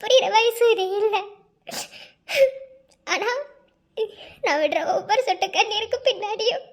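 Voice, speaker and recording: A loving young mother who speaks to her child through tears. The voice is very high, tender and pleading. It is cartoon drama dialogue. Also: measured pace. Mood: tearful tender.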